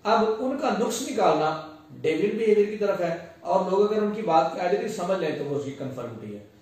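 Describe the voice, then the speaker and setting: A man with a fairly high voice lectures patiently, working through each point with everyday examples. He sounds set back from the mic, and his voice rings around a very echoey room. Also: animated, fairly quick, a little mellow, recorded from a distance. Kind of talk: explanatory recorded lecture.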